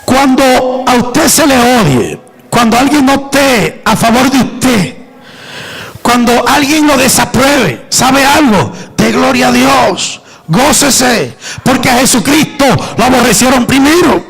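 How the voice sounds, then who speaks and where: A man's voice: extremely high pitch, animated, a little slow, creaky, a bit bright, low-quality recording. A male pastor preaching an impassioned sermon to a church congregation, with emphatic calls for the listeners to respond.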